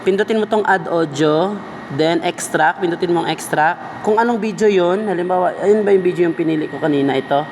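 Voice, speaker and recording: A Filipino-accented video editing tutor explains each step casually, addressing his audience as a buddy. His voice is high and a little fast, with a touch of hiss or hum.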